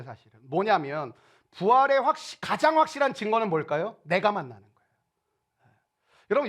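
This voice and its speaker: A male pastor preaching a sermon in an animated way, acting out quoted people in playful voices. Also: sits high.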